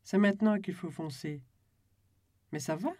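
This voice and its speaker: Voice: mid-range voice, unhurried, a little mellow, dry recording, lightly acted. An audiobook reader voicing a woman friend who talks casually and affectionately.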